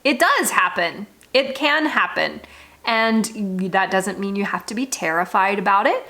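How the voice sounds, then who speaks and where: An American travel vlogger from the United States talks to her viewers in a candid, conversational monologue. Her mid-range voice is expressive and sharp in tone, moving a little slowly, and she speaks frankly and emphatically in an informal way.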